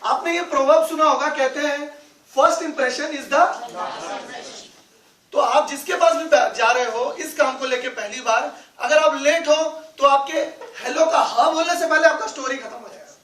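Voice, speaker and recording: High-voiced male trainer in an echoey hall. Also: normal speed, fairly bright tone. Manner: keeps asking the audience questions; mixes English phrases into his talk. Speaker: business trainer. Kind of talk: live training seminar talk. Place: training hall with a live audience. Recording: echoey room, voice from far off.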